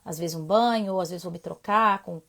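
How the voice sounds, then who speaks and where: A woman, a child sleep doctor chatting casually through a live Q&A, animated and talkative. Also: on the low side, fairly quick. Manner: animated, chatty, swinging between soft asides and emphatic bursts. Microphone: phone mic on a social media live stream.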